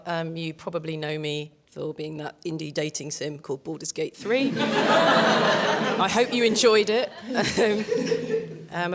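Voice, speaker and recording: A woman's voice: sits low, slight background noise. A woman actor introducing herself on a conference panel in a wry, self-deprecating way. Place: conference stage.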